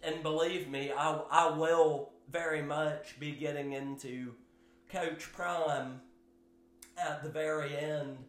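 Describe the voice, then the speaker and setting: A man hosting his own sports podcast, giving solo commentary in a slow, measured way with fillers and hedges. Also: on the high side, fairly even intonation, a bit bright, reverberant. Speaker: podcast host.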